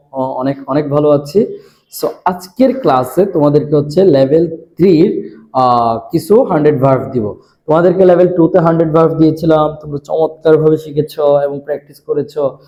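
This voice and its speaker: A man with a Bangladeshi accent teaching an online spoken English lesson, reading each English word and then its meaning, and repeating words slowly to fix pronunciation. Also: fairly high pitch, dark tone, lo-fi sound. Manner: corrects pronunciation by saying words again slowly.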